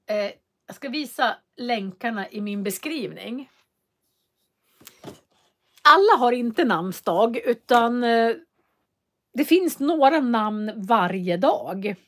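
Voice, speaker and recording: A woman teaching Swedish in a live online lesson, speaking slowly and clearly and repeating phrases for learners to copy. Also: mid-range voice. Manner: walks viewers through web links on screen.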